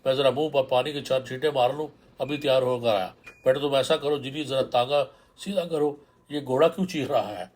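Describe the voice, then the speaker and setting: A man's voice: mid-range voice, hardly any pauses, darkish tone, close to an everyday voice. A man voicing an elderly, kindly male cart driver who talks in a fatherly way and calls the young man son, read in a horror storybook. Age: older.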